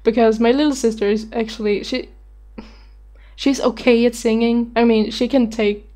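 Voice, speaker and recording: A woman's voice: a little high, steady tone, moderate pace, warm tone. A woman in her twenties answering viewer questions on a webcam, rambling and self-deprecating, giggling and swearing casually. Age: 20s. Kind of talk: casual chat.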